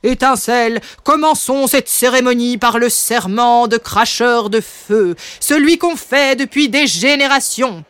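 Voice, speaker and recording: A woman's voice: a little high, a little slow, few pauses, a bit bright, smooth, dry recording. A woman voicing a proud, stern male father dragon who speaks in a solemn, commanding way, in a storybook reading.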